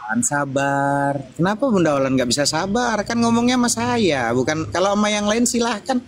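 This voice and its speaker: A man preaching and hosting a live online interfaith debate, who stays calm and patient and explains points slowly. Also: sits high. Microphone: video call.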